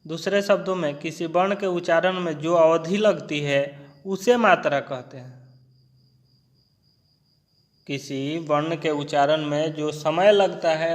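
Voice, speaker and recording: A man teaching an exam prep lesson, slow and deliberate, repeating key points and spelling out examples one by one. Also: a little high. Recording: long reverb, echoey room.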